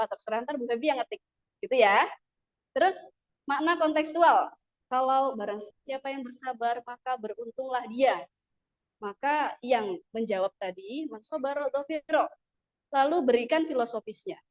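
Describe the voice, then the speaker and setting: A woman's voice: a little high, dull audio. A woman teaching an Arabic class, patiently explaining the rules and modelling pronunciation. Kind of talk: classroom instruction.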